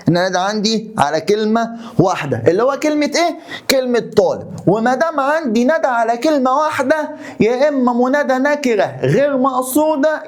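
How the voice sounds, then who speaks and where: A man with an Egyptian accent teaching an Arabic grammar lesson, asking and answering his own questions and repeating key terms. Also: extremely high pitch. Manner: coaxing, talks straight to the student.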